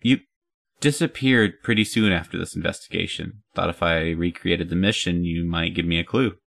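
A sly female demon who shifts shapes and answers in short, guarded lines, put on by a man reading a story. Her voice stays low and gravelly, sitting deep in his own register. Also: normal speed, a bit bright, full character voice.

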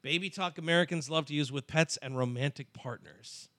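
A man's voice: on the high side, a little fast, sharp tone, no echo. Man reading out poll results, dry studio sound. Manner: dry, reads out poll figures. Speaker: co-host. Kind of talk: casual podcast chat.

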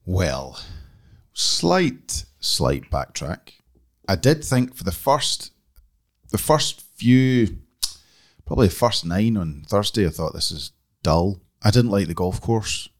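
A man's voice: lowish voice, big pitch swings, takes it slowly. A man with a Glaswegian Scottish accent, chatting casually and wryly on a podcast. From Glasgow, Scotland. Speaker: magazine editor, podcast guest. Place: small office room.

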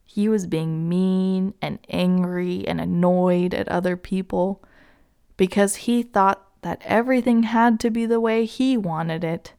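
A woman tells a children's story in an unhurried, gentle way. Now and then she turns to the young listener with a question. Her voice is mid-pitched with a light gravelly texture.

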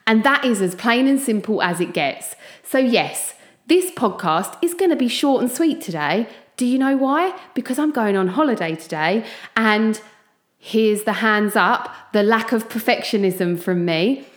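A woman's voice: on the high side, expressive, a little slow. A woman with an Essex accent hosting a chatty solo motivational podcast, talking informally and straight to her listeners. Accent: Essex English. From Essex, England. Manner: informal pep talk addressed straight to listeners. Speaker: podcast host. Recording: echoey room.

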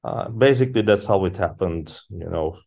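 A man, a podcast guest speaking English as an in halting casual talk with many fillers. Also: deep voice, expressive, vocal fry, a little mellow. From Turkey. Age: 30s. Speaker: guest musician. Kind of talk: casual interview chat.

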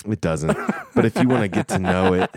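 A man's voice: deep voice, lively intonation, brisk, darkish tone. A man hosting a podcast in casual comedic chat, with a joking, irreverent way of talking. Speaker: podcast host.

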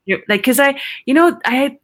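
A woman's voice: sits high, expressive, brisk. A middle-aged woman from Austria, a psychologist, talking animatedly in an interview, laughing often and searching for words. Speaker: psychologist guest. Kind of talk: conversational interview.

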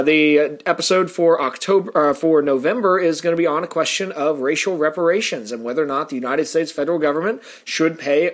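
A man hosting a podcast, chatting with a guest and reading the outro, often repeating words as he starts sentences. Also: fairly high pitch. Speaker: podcast host. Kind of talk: casual interview and show outro.

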